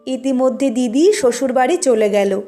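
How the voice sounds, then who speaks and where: A woman narrator reading a short story aloud in a measured, expressive way as the host of an audiobook channel. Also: sits high. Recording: soft music under voice.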